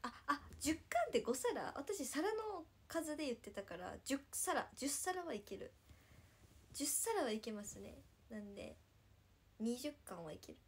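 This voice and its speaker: A young woman in her twenties speaks with a Nagasaki dialect and a high, light voice. She chats with her stream viewers in a bubbly, talkative way, laughing often. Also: sing-song, unhurried, slightly rough. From Nagasaki, Japan. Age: 20s. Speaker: livestreamer. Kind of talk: casual livestream chat with viewers.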